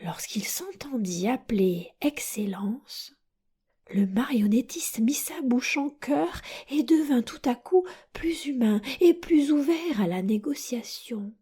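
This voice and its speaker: A woman narrating a children's storybook audiobook in a soft, hushed, breathy manner. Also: on the high side, lively intonation, slow pace.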